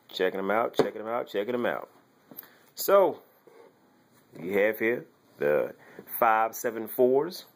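Man, lowish voice, casual, slangy, chatty home vlog. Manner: laid-back and chatty, slangy asides. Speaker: sneaker vlogger. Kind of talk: casual off-the-cuff shoe review. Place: home bedroom, laundry running.

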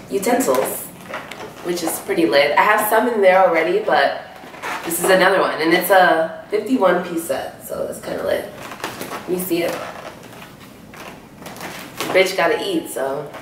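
Her voice sits on the low side as this young vlogger, moving into a room at home, unboxes gifts and chats in a bubbly, slangy way full of "like" fillers, now and then out of breath. There's slight background noise, and the distant camera mic catches the echo of the empty room.

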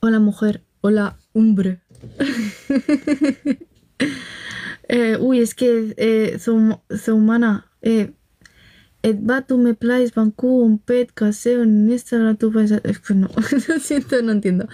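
A woman's voice: fairly high pitch, steady tone, takes it slowly, long pauses, dark tone. A young woman from Spain with a Barcelona accent, chatting casually on a phone livestream, telling gossipy stories, laughing often and greeting viewers. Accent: Spanish from Barcelona. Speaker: livestream host. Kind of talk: casual livestream chat, reading comments.

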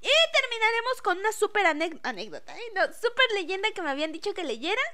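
A bubbly woman streamer with a very high, bright voice. She chats through her gameplay in an animated, playful way, and her voice keeps jumping up into yelps and laughs. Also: quick pace. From Mexico. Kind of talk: casual let's-play chat.

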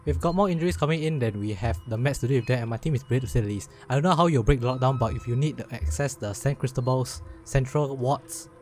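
A man's voice: mid-range voice, quick pace, hardly any pauses, a little mellow. A man doing gameplay commentary and reading in-game text aloud as he plays. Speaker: gamer, let's play host.

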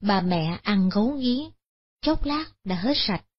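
A woman narrating a Buddhist moral story in a calm, even storytelling manner. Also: mid-range voice, unhurried, slightly rough. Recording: dull lo-fi audio.

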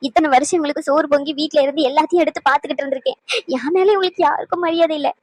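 A woman's voice: high voice, steady tone, a little mellow, no room sound, natural voice. Woman doing a whiny aggrieved grandmother. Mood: complaining. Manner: whiny, complaining, drawn-out sobbing speech. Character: aggrieved grandmother, self-pitying and tearful.

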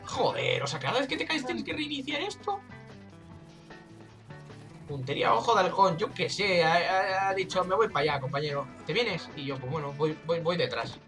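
A man with a Spanish accent from Spain, chattering through a game in a jokey, excitable way. His voice is bright and bounces all over the place. Game music plays faintly underneath. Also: sits high, normal speed. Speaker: let's play gamer. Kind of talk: casual gameplay commentary.

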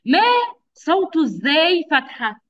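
A kindergarten teacher with a high, very lively voice runs a lesson for small children. She patiently draws out each syllable at a slow pace and praises them often. The audio is dull and lo-fi, like a video call.

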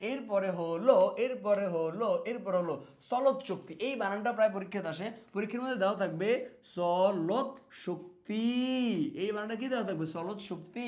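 A man with a Bangladeshi Bengali accent teaching a spelling lesson to exam students, energetic, asking questions and answering them himself, repeating words to drill them. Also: high-pitched, fast.

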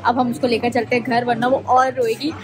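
A woman's voice: fairly high pitch, little pitch movement, brisk. A young woman vlogger chatting playfully while pretending to be a mom for a day, fussing over a little girl. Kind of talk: casual vlog chat. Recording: loud background music.

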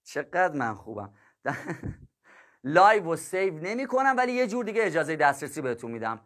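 Male math teacher on a livestream, voice a bit high, jokey and chatty with the kids. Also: big pitch swings. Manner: chatty, jokes and laughs with viewers; addresses students warmly as kids and dear ones. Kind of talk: casual livestream talk to students.

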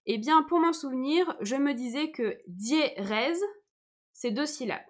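Young female teacher, live online lesson, patient and reassuring, a touch high-pitched. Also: expressive, unhurried. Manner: patient, checks in often with viewers.

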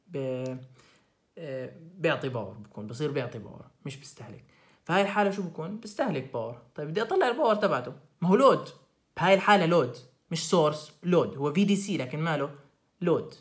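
A young man with a Jordanian accent, tutoring through a recorded lecture and repeating the key points. He asks quick questions and answers them himself. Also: fairly high pitch, a bit bright. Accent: Jordanian Arabic. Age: young adult. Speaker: student tutor.

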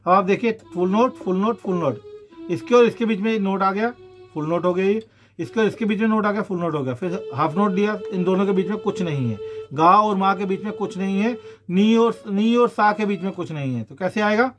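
A man's voice: high voice, fairly quick, soft background music. A man explaining keyboard scales in a patient, casual tutorial, counting the steps out aloud. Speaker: keyboard teacher.

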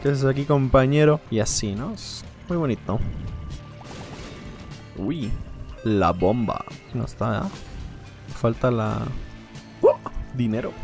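A man's voice: mid-range voice, animated, slow, long pauses, darkish tone, soft background music. A man giving playful, rambling let's play commentary, joking and laughing often. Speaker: gaming video creator.

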